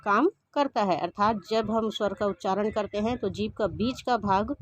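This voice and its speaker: A woman teaching a Hindi grammar lesson, explaining each point slowly and restating it in simpler words. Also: mid-range voice, slight background noise. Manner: slow, methodical, repeats each point. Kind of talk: explaining grammar over slides.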